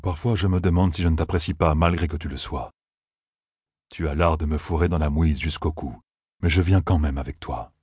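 A man voicing a large, gentle, loyal nonhuman creature who speaks softly and affectionately, in a fantasy audiobook. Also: extremely low pitch, normal speed, breathy edge, no echo, studio quality.

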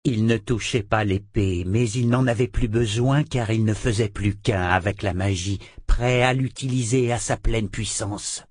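A man narrating a fantasy audiobook in a measured, dramatic storytelling manner. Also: lowish voice, no room sound, clean studio sound.

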